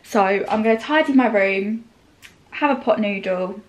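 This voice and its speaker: A woman's voice: mid-range voice, unhurried, rough recording. A young woman chatting casually to camera in a vlog, rambling with lots of fillers. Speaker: vlogger.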